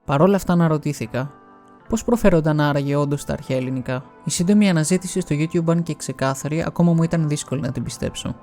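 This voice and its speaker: Male narrator from Greece, scripted, wry and explanatory, slightly high, mellow. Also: faint music behind. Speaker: video essay host.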